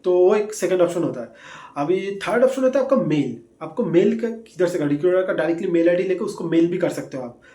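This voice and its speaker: In an echoey room, a young career advice presenter walks listeners through job hunting, his high voice dark in tone and lively in intonation. He talks fast and keeps it casual, repeating himself, dropping fillers, and checking in often with "theek hai."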